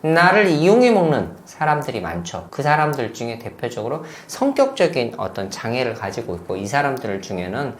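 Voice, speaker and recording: A man, a psychiatrist, giving measured explanatory answers in an interview. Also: mid-range voice, huge pitch swings. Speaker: psychiatrist guest. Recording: roomy room with faint noise.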